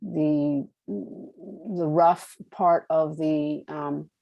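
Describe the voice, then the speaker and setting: A woman commissioner asking careful, halting questions at a public meeting. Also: low-pitched, fairly even intonation, gravelly, no echo, muffled recording.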